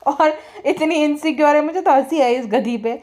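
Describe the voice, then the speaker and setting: A woman with a high, light voice delivering sarcastic vlog commentary. She scolds and mocks in a blunt, conversational way, driving each point home with cutting remarks. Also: moderate pace, darkish tone. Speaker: commentary vlogger.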